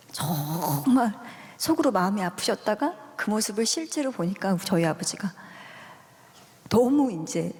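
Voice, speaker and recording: A woman's voice: mid-range voice, a little mellow. A woman giving an emotional faith testimony, earnest and often dropping to a whisper. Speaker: guest giving a personal testimony. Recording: long hall reverb.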